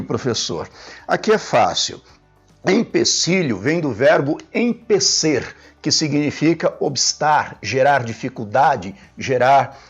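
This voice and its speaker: A man's voice: mid-range voice, husky, muffled recording. A man teaching a spelling lesson at a board, explaining each point methodically and repeating it, often tagging sentences with "né?". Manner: didactic, repeats key points with frequent "né?". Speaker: Portuguese language teacher. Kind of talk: classroom grammar lesson at a board.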